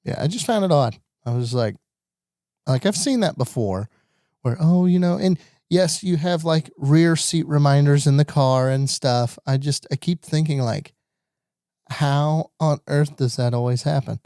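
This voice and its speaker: A young man co-hosting a parenting podcast in casual chat, talking in animated, incredulous bursts. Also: medium pitch, creaky, no echo, studio quality. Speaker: podcast co-host.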